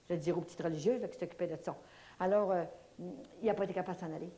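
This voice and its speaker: A woman's voice: fairly low pitch, steady tone, rapid-fire, dark tone. A woman with a Québécois accent giving a religious testimony at a church prayer evening, telling her story vividly and acting out the dialogue. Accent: Québécois French.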